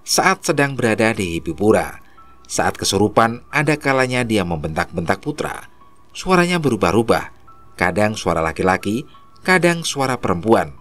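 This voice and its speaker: A man narrating a horror story in a steady storytelling manner. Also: lowish voice, moderate pace, faint music behind.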